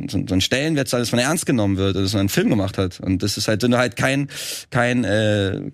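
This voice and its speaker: Man, filmmaker guest, rapid rambling talk, restarts, dry close sound. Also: fairly low pitch, no room sound. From Germany. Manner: fast, rambling, many restarts and fillers. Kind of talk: casual podcast conversation.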